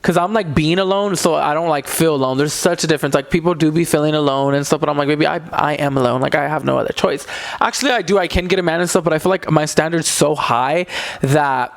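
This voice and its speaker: A man in his mid-twenties hosts a podcast, gossiping casually in an animated, sassy way packed with slang. His voice is a little high with vocal fry, and he talks quickly.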